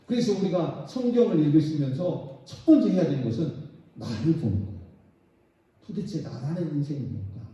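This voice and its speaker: A man's voice: on the high side, animated, moderate pace, mellow. A middle-aged man preaching a sermon as pastor, dramatically acting out the voices of God and sinners. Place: church sanctuary. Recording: very echoey church hall, distant and dull.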